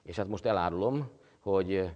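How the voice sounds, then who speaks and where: A male pastor delivers a sermon in a somewhat low voice. He talks slowly and haltingly, pausing often and filling gaps with hesitations. His voice carries a long reverb from the church around him. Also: dull audio. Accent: Hungarian. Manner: slow, halting delivery with many pauses and fillers.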